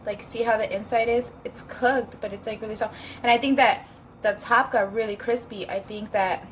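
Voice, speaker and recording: A woman's voice: fairly high pitch, steady tone, normal speed, slight background noise. A woman chatting casually in a home cooking vlog, upbeat and rambling with fillers, at times talking while she eats. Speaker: vlogger.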